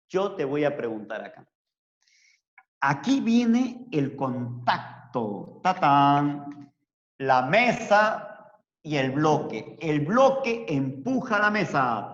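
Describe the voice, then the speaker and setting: A man's voice: a little high, fairly bright tone. A man teaching a physics class, explaining step by step and asking rhetorical tag questions. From Peru. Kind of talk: lecturing an online class. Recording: roomy, reverberant, dull lo-fi sound.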